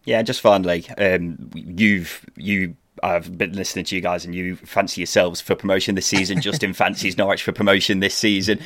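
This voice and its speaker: A man hosts a relaxed-format football chat, asking questions and reacting casually. His pitch is on the low side and the recording is dry. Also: moderate pace, few pauses, no echo. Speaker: host.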